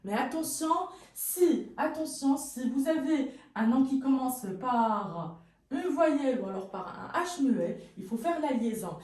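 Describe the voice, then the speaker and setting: A woman's voice: high-pitched, lively intonation, measured pace, warm tone. A woman teaching a French grammar lesson, patiently repeating each word for learners and often correcting herself. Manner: self-correcting, says pardon often. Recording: very echoey room, mic far off.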